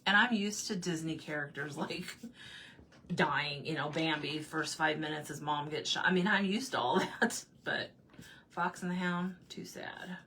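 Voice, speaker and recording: A woman's voice: low voice, normal speed, bright, forceful tone, a little hiss or hum. A woman hosting a craft livestream, chatting casually while she paints and answering viewer comments in loose, laughing asides. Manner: laughs often, talks in loose run-on asides.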